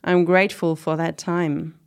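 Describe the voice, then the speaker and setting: Woman acting a low-voiced, reflective community organizer. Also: little pitch movement, a little slow, vocal fry, clean tone. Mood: reflective, candid. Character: warm, proud middle-aged commune organizer recalling her life. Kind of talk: conversational oral-history interview acting.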